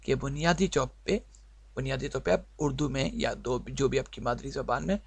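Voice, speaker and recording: A man teaching a spoken English lesson explains things patiently, repeating points and posing questions that he then answers himself. He speaks at a normal speed and medium pitch with some vocal fry, and there's no room sound.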